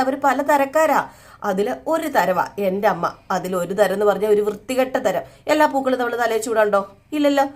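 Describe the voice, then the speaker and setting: A woman voicing a loving young husband who gently reassures his wife. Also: medium pitch, lightly acted. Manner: soothing, reassuring.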